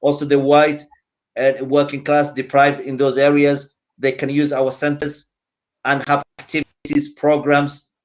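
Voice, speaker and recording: A man's voice: a little high, monotone, a little slow. A man from Somalia, speaking earnestly on a panel over a video call and repeating his key phrases. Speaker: community centre representative. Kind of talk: panel discussion.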